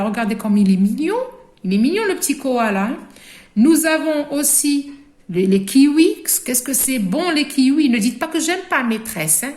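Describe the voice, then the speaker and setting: A woman with an Algerian French accent teaching young children to read. She speaks slowly and stretches words so the class can repeat after her. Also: fairly high pitch, a little mellow. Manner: slow, deliberate, stretches words for repetition. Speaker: primary school teacher. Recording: echoey room.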